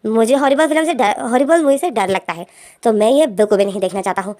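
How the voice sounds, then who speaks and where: A woman's voice: fairly high pitch, fast, a little mellow, lightly acted. A woman voicing an aloof man who is easily scared, speaking in a curt, dismissive way.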